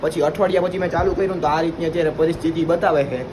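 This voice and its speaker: A man's voice: on the high side, fairly even intonation, very fast, noisy background. A young man with a Gujarati accent, chatting casually to viewers in a vlog. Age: young adult. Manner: chatty, addresses viewers as guys. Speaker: vlogger.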